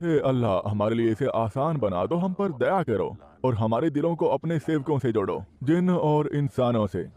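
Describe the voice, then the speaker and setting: A man's voice: mid-range voice, very animated, moderate pace, hardly any pauses, mellow, slight background noise, lightly acted. An actor dubbing a male ritual leader who chants prayers and urges others on insistently. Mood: praying. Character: male ritual leader urging on a dying rite. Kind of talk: Hindi film dub.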